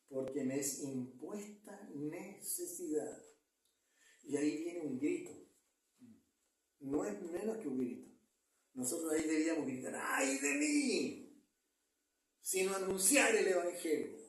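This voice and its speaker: A man's voice: a little high, dark tone. A man, a pastor, preaching an earnest sermon and checking in with the congregation. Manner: earnest, repeats words, asks the congregation "¿ya?". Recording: echoey church hall, mic far off.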